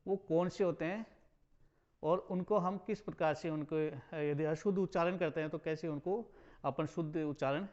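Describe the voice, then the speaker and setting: A male college lecturer giving a spelling lesson, explaining slowly and deliberately, repeating and correcting words as he goes. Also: a little high, darkish tone, dull audio. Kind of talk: recorded Hindi spelling lesson.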